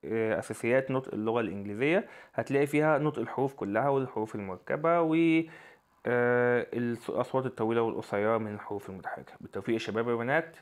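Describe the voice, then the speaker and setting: A man with an Egyptian Arabic accent teaching English pronunciation in an online lesson, repeating example words slowly and lifting his voice on key sounds. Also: medium pitch.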